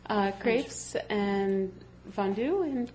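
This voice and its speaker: A woman introducing a restaurant owner to a city council in a friendly, brisk way. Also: medium pitch, animated, darkish tone, slight background noise. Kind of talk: spoken introduction.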